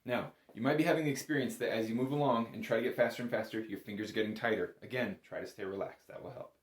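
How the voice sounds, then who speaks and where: A man of medium pitch talks fast while giving a relaxed, step-by-step bagpipe lesson, encouraging and patient throughout. His voice echoes around a large indoor room.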